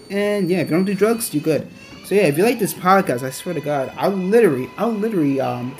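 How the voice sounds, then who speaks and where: A young man hosting a rambling solo podcast, talking in loose, restarting sentences. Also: a little high. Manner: rambling, many restarts and fillers. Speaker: podcast host. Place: on his way to a train station.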